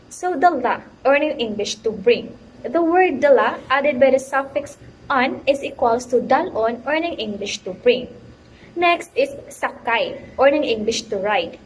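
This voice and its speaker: A young woman student presenting a class report, reading her explanations carefully and a little haltingly. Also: sits high, a little hiss or hum, rough recording. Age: young adult.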